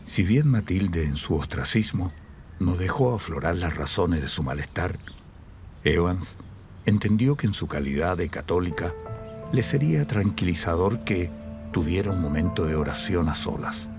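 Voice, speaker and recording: Hombre, narrador grave, voz muy grave, acento chileno, música de fondo. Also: male voice, sits low, expressive, moderate pace, over music. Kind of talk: scripted documentary-drama narration.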